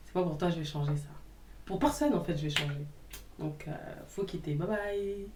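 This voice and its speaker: A woman's voice: sits low, moderate pace, recorded from a distance, noisy background. A young woman talks casually and sassily to her viewers, answering hater comments in an outspoken way. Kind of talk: casual vlog chat. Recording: roomy echo, a little off-mic.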